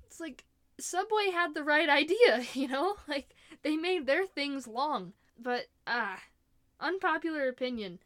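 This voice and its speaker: A woman's voice: high voice, lively intonation, unhurried, fairly bright tone, dry recording, studio quality. A young woman ranting casually about her opinions in a chatty, exasperated way, laughing often. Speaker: vlogger.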